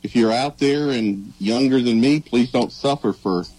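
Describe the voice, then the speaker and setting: Earnest man with a slightly husky voice. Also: mid-range voice, a little mellow, low-quality recording. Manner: earnest, halting and reflective. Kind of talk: casual sports talk.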